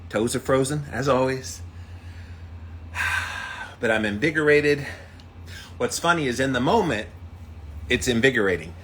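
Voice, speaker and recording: A man's voice: mid-range voice, expressive, normal speed, fairly bright tone. A man giving casual, folksy, encouraging talk to viewers as he vlogs in or fresh out of ice-cold water. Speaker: vlogger doing a daily ice bath challenge. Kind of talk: casual motivational talk to camera. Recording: clear background noise, outdoor machinery sounds.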